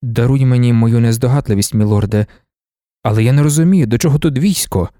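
A man's voice: medium pitch, a little fast, mellow, no echo, clean studio sound, voice pushed down, natural voice. A man voicing a loyal, worried male guard commander in an audiobook, asking earnest and respectful questions. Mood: concerned. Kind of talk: audiobook character voice.

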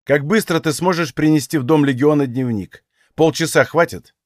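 A man's voice: fairly high pitch, normal speed, a little mellow, no room sound, studio quality, voice pushed up, lightly acted. A man voicing an arrogant, foul-mouthed older female mage who talks down to everyone. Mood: scornful. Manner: sneering, coarse, domineering.

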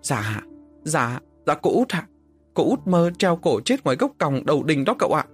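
A man's voice: fairly high pitch, sing-song, moderate pace, husky, faint music behind, voice pushed up. A man doing a panicked stammering young servant. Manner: stammering, breathless.

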